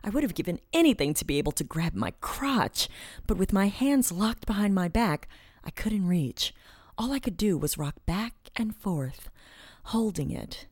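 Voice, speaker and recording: A woman narrating a first-person story in a dramatic, expressive reading, often dropping into a hushed whisper mid-sentence. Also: medium pitch, normal speed, no room sound, studio quality.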